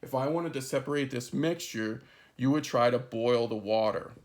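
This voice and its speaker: A man's voice: mid-range voice, moderate pace, a little mellow. Man teaching chemistry with constant "okay?" checks. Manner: explanatory, frequent "okay?" and "right?" checks. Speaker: chemistry instructor. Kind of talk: recorded lecture.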